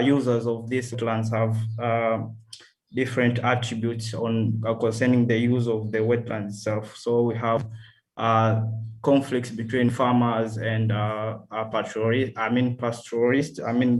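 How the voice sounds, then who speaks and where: A man from Tanzania, reporting to an online workshop over a video call, halting and full of fillers and self-corrections. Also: mid-range voice, low-quality recording. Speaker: workshop participant.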